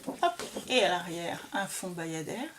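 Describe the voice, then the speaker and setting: Slow, chatty woman showing papers. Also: on the low side, very animated, background noise. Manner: slow, chatty, enthusiastic with many fillers. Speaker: crafting vlogger. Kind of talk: casual show-and-tell of scrapbooking papers.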